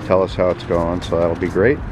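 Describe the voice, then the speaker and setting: A man's voice: low voice, little pitch movement, a little fast, background noise. An older man talking casually as a father on a family vlog. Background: prominent music.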